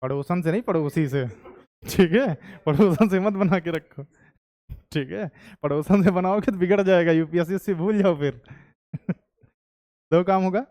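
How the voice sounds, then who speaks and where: A man's voice: high-pitched, normal speed, long pauses, warm tone, no echo, clean studio sound. A young adult man with an Indian accent teaching history to a class, joking with students and slipping between Hindi and English. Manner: jokey, mixes Hindi and English, asks the class questions. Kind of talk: classroom lecture.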